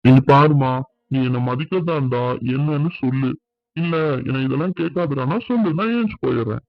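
A man's voice: mid-range voice, brisk, dry recording, muffled recording, lightly acted. A man voicing an older father-in-law in a cartoon, who speaks in a fatherly, firm way. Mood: hurt. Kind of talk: cartoon voice acting.

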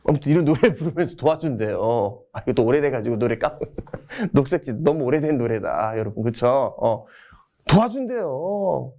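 A man's voice: mid-range voice, moderate pace, dark tone. A man giving a casual exam-prep history lecture, telling it as a story. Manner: casual, storytelling, acts out quotes.

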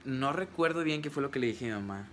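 Animated young Mexican man telling stories. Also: mid-range voice, quick pace, faint music behind. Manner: animated, comic, self-mocking storyteller. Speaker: vlogger. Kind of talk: casual storytelling to camera.

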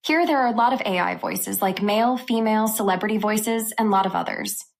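A woman hosting a tech channel, walking through a software review step by step in an upbeat way. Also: medium pitch, fairly quick, gravelly.

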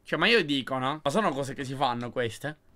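A young man commenting on a game, excitable and switching between mumbling and shouting. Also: medium pitch, normal speed, a little hiss or hum. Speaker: gaming youtuber. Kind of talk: gaming commentary. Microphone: desk microphone.

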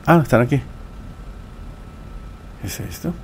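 A man's voice: mid-range voice, lively intonation, unhurried, vocal fry, a little hiss or hum. A man giving casual gameplay commentary, talking to himself as he plays. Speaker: gamer, let's play host.

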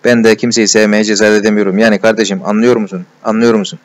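A man voicing a shy, tender-hearted young male clerk who talks in emotional, confiding rushes, in a storybook reading. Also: fairly low pitch, level tone, natural voice. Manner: emotional, breathless confiding, repeated endearments.

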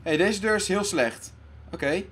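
A man's voice: high voice, normal speed, husky. Jumpy man narrating his gameplay. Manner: jumpy, loudly panicking, talks to himself. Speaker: let's play host. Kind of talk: casual gaming commentary.

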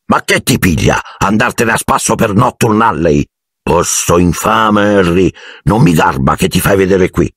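A man doing a gruff, blunt giant of a gamekeeper in an audiobook, growling and grumbling through low, husky words. He sounds close and dry, with no room around him. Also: expressive, unhurried, dry recording, full character voice.

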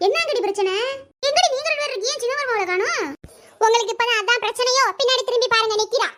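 A woman voices a whole cartoon family in a squabble. Her voice sits extremely high and shrill, and she fires off scolding lines at a quick clip. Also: pushed and bright. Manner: quarrelsome, scolding, rapid back-and-forth. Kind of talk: cartoon voice acting of a family quarrel.

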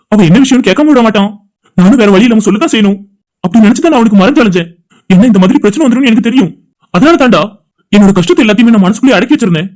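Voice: mid-range voice, darkish tone, close to an everyday voice. A voice actor playing an anxious, heartbroken young man in a cartoon who pours out his troubles in a pleading way. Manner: pleading, emotional storytelling. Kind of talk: cartoon voice acting.

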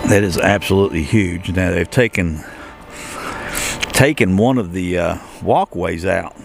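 A man's voice: sits low, unhurried, creaky, noisy background. A man giving a casual walking-tour commentary outdoors, rambling with many fillers and restarts. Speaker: travel vlogger. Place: outdoors at a shopping and entertainment complex.

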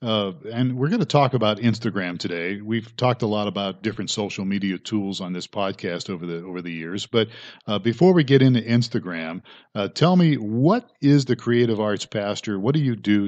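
A man's voice: fairly low pitch, brisk, a little mellow. Older man with an old radio voice. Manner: former radio voice, stumbles over words. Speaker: podcast co-host. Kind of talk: casual chat. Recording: dull lo-fi audio.

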